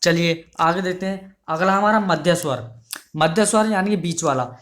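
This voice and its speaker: A man's voice: high-pitched, moderate pace, fairly bright tone. A male teacher giving an online exam-prep lesson, explaining patiently, repeating key terms and asking the class questions. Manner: ends phrases with "ठीक है" checks.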